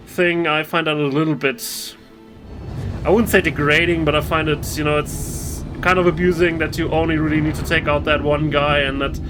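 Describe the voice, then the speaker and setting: A man talks over his gameplay in a loose, rambling way, often restarting his sentences. His voice sits a touch higher than most men's. Game music runs clearly behind him. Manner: rambling, hesitant, many restarts and fillers. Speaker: gaming video host. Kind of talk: casual gameplay commentary.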